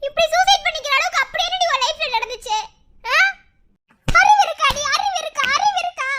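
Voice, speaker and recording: A woman's voice: very high voice, a little fast, very noisy. A woman voicing a distraught middle-aged village mother in a cartoon, who laments and scolds through tears. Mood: wailing scolding. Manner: lamenting scolding, crying while talking.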